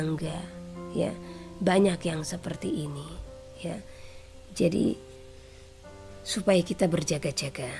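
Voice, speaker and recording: A woman preacher giving a sermon with personal testimony, telling her story in an animated way and often adding "ya". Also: lowish voice, creaky. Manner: animated storytelling, frequent "ya" tags.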